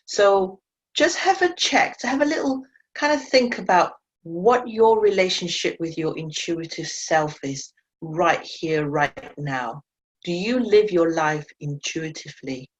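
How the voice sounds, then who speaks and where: A woman teaches animal communication to learners in a webinar, earnest and reflective, frequently correcting herself; English isn't her first language. Her fairly low voice has lively intonation and an unhurried pace, captured on a video call mic with dull lo-fi webinar audio.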